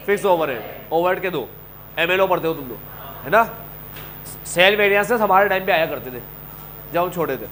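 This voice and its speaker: A middle-aged man with an Indian accent teaching a coaching class, animated, scolding and joking with his students. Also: sits high, a little hiss or hum, poor audio. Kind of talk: classroom lecture.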